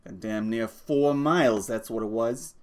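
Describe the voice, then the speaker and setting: A man performs an audiobook character voice for a small, irritable working man from a storybook who scolds and swears in exasperation. He uses a medium pitch, animated and natural, at a moderate pace.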